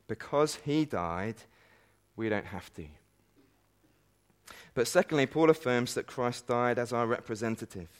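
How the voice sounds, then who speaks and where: A man's voice: mid-range voice, lively intonation, a little slow, pauses often. A man preaching a sermon at a conference, earnest and emphatic, with light self-deprecating asides. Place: conference meeting hall.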